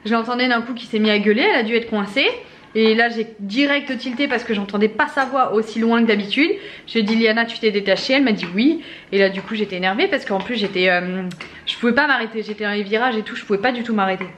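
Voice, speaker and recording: A woman's voice: on the high side, fast talker, fairly bright tone, a little hiss or hum. A young adult woman chatting casually in a family vlog at home, with lots of fillers and an exasperated tone. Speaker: family vlogger. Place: home, kitchen.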